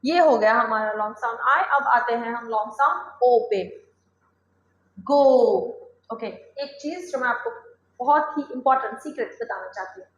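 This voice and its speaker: A woman's voice: on the high side, lively intonation, a little fast, a bit bright, roomy sound, rough recording. A woman teaching English pronunciation, drilling word lists aloud and coaxing her students to repeat after her. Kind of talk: spoken phonics lesson.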